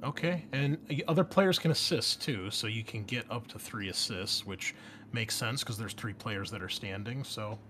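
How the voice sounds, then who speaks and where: With a bright, forceful tone, a man whose voice sits on the low side speaks at normal speed while hosting and game-mastering a tabletop RPG. His manner is casual and conversational, full of explanation. A close microphone with a pop shield captures him, and background noise is clearly audible.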